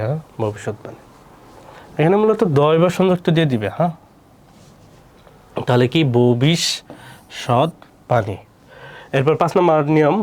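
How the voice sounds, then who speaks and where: Running an exam-prep lesson, a man with a slightly high, darkish voice asks questions and then answers them himself. He repeats each word twice as he goes.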